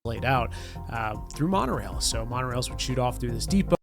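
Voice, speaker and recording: A game developer's community manager in his thirties, nasal from a cold and a bit gravelly, delivers a loose, rambling update video full of fillers. His medium-pitched voice is expressive and fairly quick. He's on a desk podcast mic in his home studio lit with neon, with a guitar music bed behind him.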